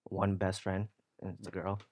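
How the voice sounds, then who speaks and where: A young man co-hosting a casual podcast, talking at a low pitch in an easygoing way. He swears freely and trails off mid-thought. The sound is dry and close to the mic. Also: monotone, moderate pace, a little mellow, no echo. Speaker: podcast co-host. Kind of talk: casual chat.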